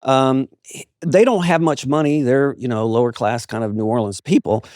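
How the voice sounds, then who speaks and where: A man in a conversational podcast, explaining ideas in a thoughtful, measured way with a mid-range voice. The recording is close and dry. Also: mid-range voice, darkish tone, no echo. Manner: thoughtful, explaining, laughs often. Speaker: podcast host. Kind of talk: casual conversation.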